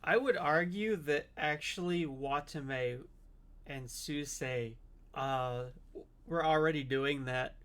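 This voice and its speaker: A man giving casual, off-the-cuff reaction commentary as a streamer, halting and repeating himself for emphasis. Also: fairly high pitch, a bit bright, smooth.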